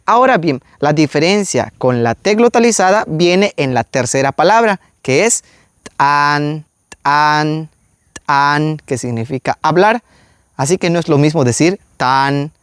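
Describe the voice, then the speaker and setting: Guy teaching words, slow and careful, says everything a few times, dry close sound. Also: on the high side, big pitch swings, no echo. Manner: slow, deliberate, repeats each word several times. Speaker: Maya language teacher. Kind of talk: pronunciation lesson.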